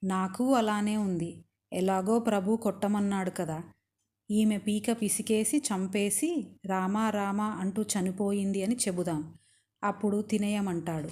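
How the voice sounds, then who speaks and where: Give me a greedy, bloodthirsty demoness, as a woman storyteller puts her on, warm and mellow. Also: mid-range voice, fairly even intonation, a little slow, close to an everyday voice. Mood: gloating greed. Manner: gloating, greedy. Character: hungry, bloodthirsty female demon guard.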